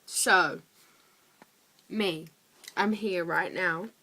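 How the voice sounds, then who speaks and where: Drunk woman rambling slowly. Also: fairly low pitch, sharp tone, husky. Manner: halting, drifting, sweary. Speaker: vlogger. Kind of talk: rambling casual confessional to camera.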